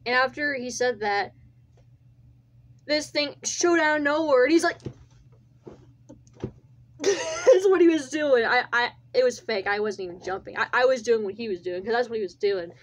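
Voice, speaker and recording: In a small bedroom with faint room noise, a young woman reacts to videos, chatting casually, rambling and repeating herself as she retells what happened. Her voice is fairly high and a bit bright, and she talks a little fast.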